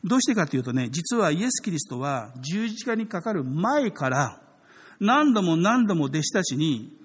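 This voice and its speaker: A man's voice: fairly high pitch, sing-song, moderate pace, slightly rough, in a large hall. A man preaching a sermon as a pastor, speaking conversationally and drawing the congregation in with frequent questions. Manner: conversational, addresses the audience with frequent tag questions.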